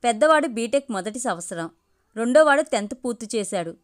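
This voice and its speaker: A woman reading a first-person story aloud in a steady, intimate way. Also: fairly high pitch, a little fast. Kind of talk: scripted story narration.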